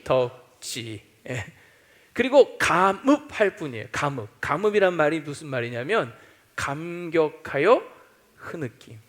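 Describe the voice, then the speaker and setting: A man's voice: a little high, sing-song, moderate pace. A male pastor preaching a sermon, acting out doubting voices and quoting scripture as he goes.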